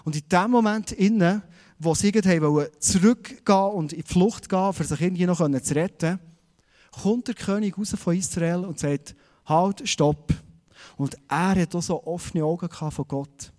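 Swiss-accented male preacher, young adult, slightly high voice, animated storyteller. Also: normal speed. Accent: Swiss German. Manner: lively storytelling with acted-out voices. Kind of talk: sermon.

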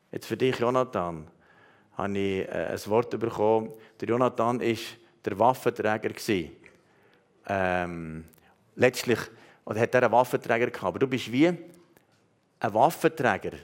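Swiss German male pastor, earnest, personal prophetic sermon delivery with halting pauses. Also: on the low side. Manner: earnest, addresses listeners directly, many hesitations.

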